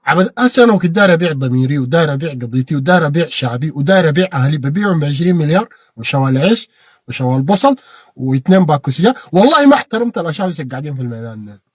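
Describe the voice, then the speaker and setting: Fiery fast-talking Sudanese man, husky. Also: a little high, sing-song, no room sound, clean studio sound. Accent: Sudanese Arabic. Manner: fiery, repeats phrases, bursts into shouted peaks. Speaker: political commentator. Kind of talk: impassioned monologue.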